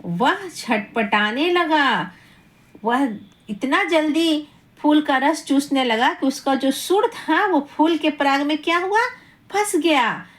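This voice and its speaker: A woman's voice: high-pitched, takes it slowly. A woman telling a children's story, repeating each line and asking her young listeners questions.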